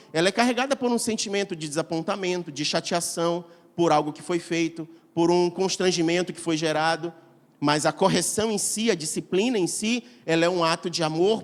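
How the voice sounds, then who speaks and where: Young male pastor, high voice, earnest sermon delivery, church reverb. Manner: earnest preaching, reads scripture verses aloud. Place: church sanctuary. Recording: long church hall reverb.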